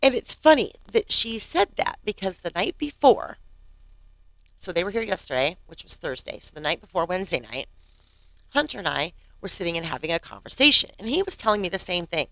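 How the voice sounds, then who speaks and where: A woman's voice: on the low side, big pitch swings, a little fast, creaky, bright, forceful tone, no echo. A woman in her fifties hosting her podcast, telling a story in a casual chatty way, often laughing and acting out what others said. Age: 50s. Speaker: podcast host.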